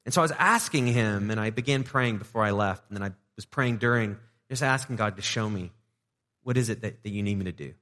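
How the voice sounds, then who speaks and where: A pastor speaks to his congregation in a relaxed, humorous way, sprinkling in playful asides. He has a lowish, fairly bright voice and a slightly quick pace, and the sanctuary's hall gives the sound a long reverb.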